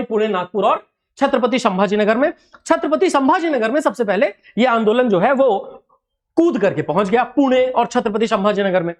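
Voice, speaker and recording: A man teaching an exam-prep class, arguing his point rhetorically and addressing the viewers directly. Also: extremely high pitch. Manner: rhetorical, argumentative, talks straight to viewers. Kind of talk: animated lecture to students.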